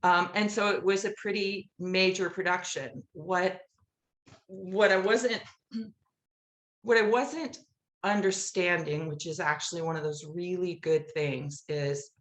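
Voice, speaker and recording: A middle-aged woman, a musical playwright, tells stories chattily during an interview and regularly acts out remembered conversations. Her voice sits on the low side with a fairly bright tone, and she speaks slowly. The room sounds echoey.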